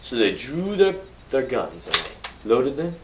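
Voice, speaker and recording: A man presenting a casual history lesson, telling it playfully with joking asides and sudden loud bursts. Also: medium pitch, very animated, measured pace, noisy background. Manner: self-correcting, with asides and joking corrections.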